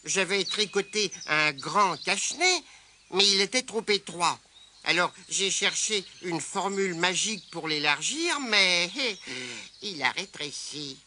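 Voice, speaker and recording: A man's voice: sits high, lively intonation, unhurried, pushed and bright, a little hiss or hum, heavily acted. A man voicing a cheerful little female magic spider in a storybook, chirpy and eager. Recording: music playing behind.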